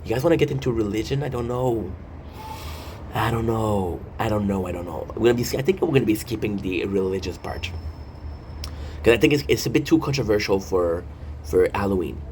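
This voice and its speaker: This video host, a man in his thirties, speaks a little fast in a fairly low, darkish voice. He rambles casually through his vlog, reading and reacting with playful jokes and frequently interrupting himself, while background noise is clearly audible.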